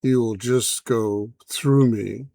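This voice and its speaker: A solemn male alien envoy speaks slowly and evenly, voiced by a man telling the story. His voice sits at a middle pitch with a dry, close sound. Every word comes out formal and patient. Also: steady tone, vocal fry, dark tone, no echo. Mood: calm, solemn. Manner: measured, formal, unhurried speech.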